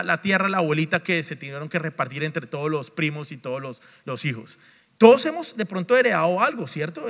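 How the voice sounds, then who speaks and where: A Latin American male pastor preaches a sermon in a church sanctuary, his fairly high, fairly bright voice carrying through long church reverb. He speaks emphatically, repeating refrains and putting questions to the congregation.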